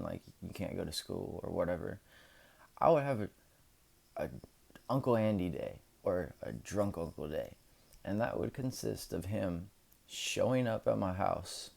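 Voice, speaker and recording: A man's voice: low voice, gravelly, darkish tone. A man telling a casual, rambling story for a vlog, full of filler words, recorded on his camera's own microphone. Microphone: camera's built-in microphone.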